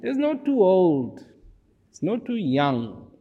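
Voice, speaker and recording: Speaking slowly to an audience in a reflective talk, this man has a high, breathy voice with huge pitch swings. He repeats phrases for emphasis and sometimes sinks almost to a whisper, all on lo-fi audio.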